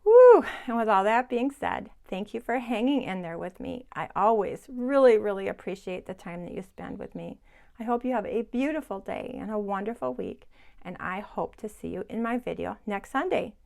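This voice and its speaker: A woman's voice: medium pitch, moderate pace, gravelly, darkish tone. A woman in her sixties, chatting casually and enthusiastically to viewers as she reviews beauty products at home. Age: 60s. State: sweating in the heat. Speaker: beauty vlogger. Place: home, hot room without air conditioning.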